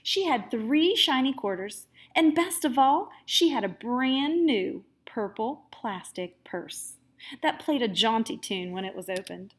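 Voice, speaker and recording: A woman reading a children's storybook aloud as a teacher would, with expressive, dramatic emphasis. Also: a little high, a little slow.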